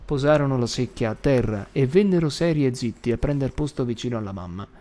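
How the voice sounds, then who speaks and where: Man reading a novel aloud for his audiobook channel, calm, measured, even pace. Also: medium pitch. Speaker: audiobook reader. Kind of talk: literary audiobook narration.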